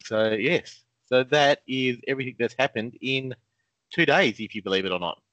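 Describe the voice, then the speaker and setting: A man's voice: mid-range voice, moderate pace, fairly bright tone, dry recording. A man co-hosting a casual fantasy football chat, laid-back and jokey with lots of ums. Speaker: podcast co-host. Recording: dull lo-fi sound.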